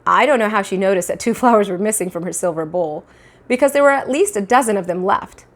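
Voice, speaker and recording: Speaking fast at a medium pitch, this woman in her thirties performs a children's book with teacherly expression, voicing the characters with animation. She's in a small indoor room at home, wearing a clip-on lapel mic.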